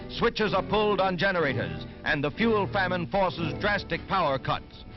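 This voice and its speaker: An old newsreel narrator, a man with a high, emphatic announcer's voice. He delivers every line with dramatic urgency, and the sound is dull and lo-fi like an old film soundtrack. Orchestral music plays clearly beneath him.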